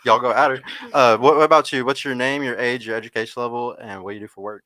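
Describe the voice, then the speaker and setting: A man's voice: medium pitch, fairly even intonation, fast, pushed and bright. A man hosting a casual dating podcast, from Texas, often stammering and repeating his questions. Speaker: dating show host.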